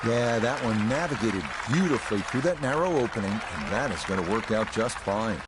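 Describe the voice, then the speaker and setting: A man giving measured live golf commentary as a television-style commentator. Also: lowish voice, expressive, very noisy. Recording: loud music and crowd behind. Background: music, crowd, outdoor ambience.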